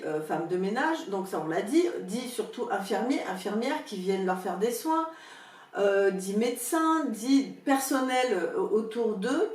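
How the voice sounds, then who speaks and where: A woman coach and therapist giving casual advice to camera, telling anecdotes with lively storytelling and acting out the people she quotes. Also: mid-range voice. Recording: echoey room, voice from a distance.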